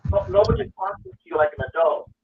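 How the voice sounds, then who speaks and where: A man's voice: high voice, fast talker. A man calling in to a chat show, talking in an emphatic, rambling way. His voice sounds muffled, as if heard through a wall. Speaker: caller. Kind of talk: casual phone-in chat. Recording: muffled, distant, dull phone line.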